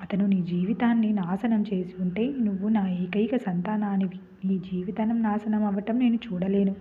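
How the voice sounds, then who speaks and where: A woman voicing a protective older father, explaining in a low, grave manner within a spoken story. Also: fairly even intonation, normal speed, slightly rough. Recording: tinny phone-like lo-fi.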